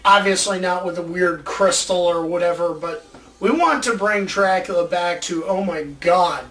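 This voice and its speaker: Faint background noise and a distant mic frame this man as he hosts a casual chat show on movies, rambling with enthusiasm. He talks at normal speed in a high, fairly bright voice.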